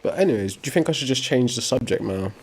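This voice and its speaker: A young man streaming, chatting casually while he plays a game, sometimes breaking into sudden excited shouts. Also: medium pitch, fast, slight background noise. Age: young adult. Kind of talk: casual live chat while gaming.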